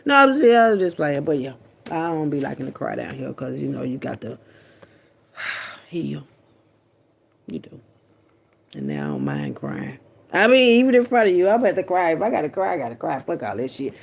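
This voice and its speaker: A woman's voice: low-pitched, creaky, darkish tone, husky. A woman vlogger talking loosely and profanely to her viewers in a casual late-night chat. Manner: loose, profane, chatty, talks to viewers as y'all.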